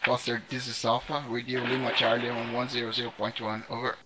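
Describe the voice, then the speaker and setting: A man's voice: mid-range voice, completely flat delivery, fast talker, noisy background. A man doing military radio procedure and some casual talk as a trainee in a game. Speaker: trainee acting as radio net lead.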